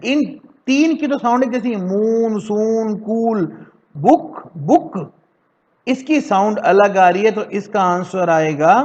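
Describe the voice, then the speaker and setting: A man teaching an English lesson to children in Hindi, slowly drilling words for them to repeat. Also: sits high. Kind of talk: classroom lesson explained in Hindi. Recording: dull echoey classroom recording.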